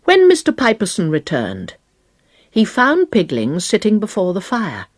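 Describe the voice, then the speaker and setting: A woman narrating a children's storybook in a slow, lilting, lively way, with a husky, breathy voice. Her voice swings high and low, and the recording is dry and close. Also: dry recording. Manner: slow, expressive, varied pitch. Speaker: storybook reader.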